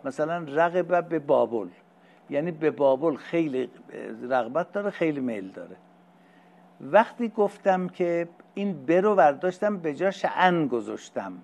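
A middle-aged male religious teacher who reads Arabic phrases slowly and then explains them in casual conversational speech. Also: on the high side, a little mellow, highs cut off. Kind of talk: lecture explaining Arabic hadith text.

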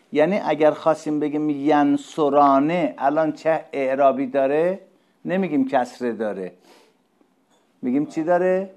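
A man giving a lecture, asking questions and answering them himself, and spelling out word forms slowly. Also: on the high side, darkish tone. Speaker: teacher. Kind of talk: lecture on Arabic grammar.

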